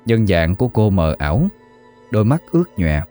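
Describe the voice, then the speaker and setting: Deep-voiced male storyteller. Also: big pitch swings, normal speed, mellow, soft background music. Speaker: narrator. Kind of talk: scripted story narration.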